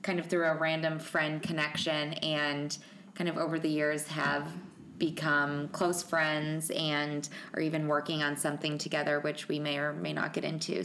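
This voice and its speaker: Woman podcast host, chatty, laughs often, voice low; echoey room sound from an off-axis table mic. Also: fairly bright tone, slight background noise. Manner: chatty, laughs between phrases. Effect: echoey sound from a distant table mic. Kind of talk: casual interview chat. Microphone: table mic set across the table.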